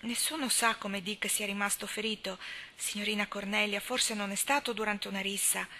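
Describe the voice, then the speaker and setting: A woman voicing an earnest young wife who answers calmly and firmly. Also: mid-range voice, normal speed, slight background noise.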